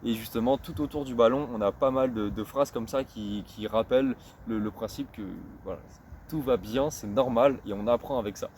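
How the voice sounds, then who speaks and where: A man casually explaining in a vlog who often stops to search for words and repeats himself, and who reads English phrases slowly and self-consciously. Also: medium pitch, a little mellow, a little hiss or hum. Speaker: street football vlogger.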